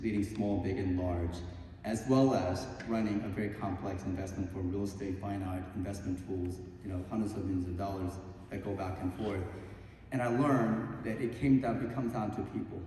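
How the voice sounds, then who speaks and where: A man answering at a candidate forum, earnest and halting with many ums and restarts. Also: deep voice, steady tone, dark tone. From Korea. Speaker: school board candidate. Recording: echoey hall, distant mic, faint hum.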